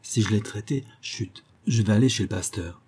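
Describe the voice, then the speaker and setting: A man reading aloud and voicing a self-satisfied bachelor suitor who speaks solemnly and with emphasis, in a husky voice. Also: lowish voice, normal speed, darkish tone. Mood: pompous.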